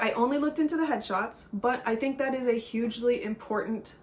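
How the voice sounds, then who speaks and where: A woman who works as a fashion photographer, talking earnestly in a casual vlog with frequent ums and apologies. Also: fairly high pitch. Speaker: pageant vlogger and fashion photographer.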